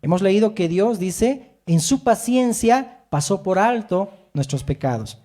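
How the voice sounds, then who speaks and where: Man, pastor preaching, high voice, mellow tone, emphatic with repeated amens. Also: lively intonation, measured pace. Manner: emphatic preaching, rising and falling, frequent amens. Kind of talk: sermon.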